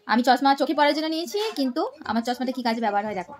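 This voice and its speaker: A woman's voice: high-pitched, racing, background noise. A young woman filming a home vlog as a mother, narrating and chatting in playful sing-song baby talk to her toddler. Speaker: mother and vlogger.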